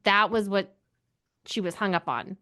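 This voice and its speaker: She co-hosts a book club podcast, chatting casually and sharing her opinions freely in an informal way. Her medium-pitched voice is bright and forceful, and she takes her time.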